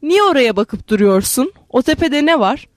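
A woman's voice: high voice, big pitch swings, normal speed, no room sound, studio quality. A woman reading a story aloud voices an irritable young man fleeing with his friends. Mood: tense. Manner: curt, irritable. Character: young man on the run, angry and tense.

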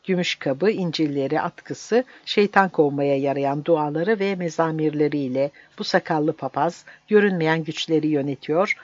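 A narrator giving a steady, measured audiobook reading. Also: mid-range voice, no echo. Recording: dull dry recording.

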